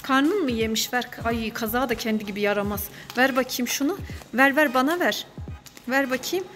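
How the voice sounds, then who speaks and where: A woman's voice: a little high, moderate pace, fairly bright tone, in a large hall, faint music behind. A woman hosting a family vlog skit, teasing and coaxing a child in a bossy, playful way. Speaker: vlog host playing a mother.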